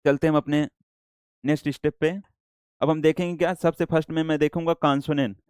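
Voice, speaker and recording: Indian guy teaching a shorthand lesson, slightly high voice, dry close sound, goes slow and repeats stuff. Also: little pitch movement, a little mellow, smooth, dry recording. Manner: explains slowly, repeats, mixes English words into Hindi. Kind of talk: classroom lecture.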